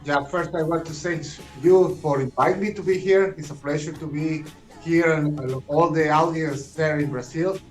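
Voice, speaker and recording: A Chilean man, a native Spanish speaker, answering interview questions in halting second-language English, often repeating words and checking "you understand?". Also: on the high side, steady tone, soft background music, rough recording. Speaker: guest, [name] tribute performer.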